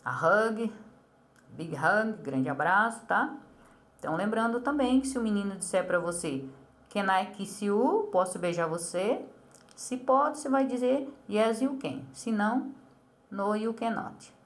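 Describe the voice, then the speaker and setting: A woman with a Brazilian accent, explaining an English lesson to a child and saying English model phrases slowly and carefully. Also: mid-range voice, expressive. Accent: Brazilian Portuguese. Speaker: English teacher.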